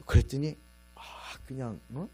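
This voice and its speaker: A middle-aged man pastor giving a sermon in a relaxed, conversational way, telling a homely story and acting out his own stern and gentle voices. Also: moderate pace. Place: church sanctuary. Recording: low mains hum behind the voice.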